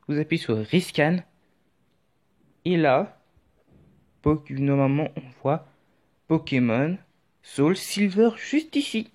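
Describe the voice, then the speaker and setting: This man's voice is a little high and a little mellow as he hosts a YouTube tutorial, wandering through the steps in a loose, chatty manner full of jokes. Faint music plays beneath dull, lo-fi sound.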